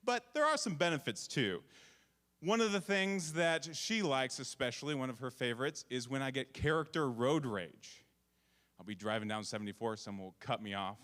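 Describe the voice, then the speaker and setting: A man's voice: medium pitch, moderate pace, fairly bright tone, in a large hall. A man performing a stand-up comedy set with playful showman patter. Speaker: comedian and impressionist.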